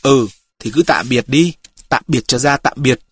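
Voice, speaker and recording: A gruff old village woman, low, husky and curt, grumbling her disapproval, as an audiobook reader puts her on. The voice sits well below the narration, with a dry, close sound. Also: a little slow, dry recording.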